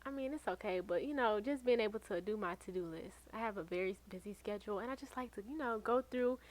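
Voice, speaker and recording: A woman's voice: medium pitch, fast talker, rough recording. A young adult woman co-hosting a podcast, chatting casually and backing others up often. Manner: supportive, frequent backchannels. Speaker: podcast co-host. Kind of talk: casual chat.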